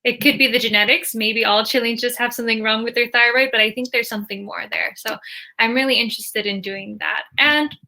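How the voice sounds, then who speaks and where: Young US woman, bright higher voice, reflective guest, lots of ums. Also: fairly even intonation, brisk. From United States. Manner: reflective, with frequent fillers. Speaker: panel guest. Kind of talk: casual discussion.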